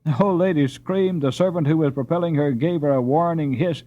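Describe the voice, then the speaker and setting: An audiobook narrator reads a children's story aloud, his delivery expressive and deliberate. His voice is fairly high, and the recording sounds muffled.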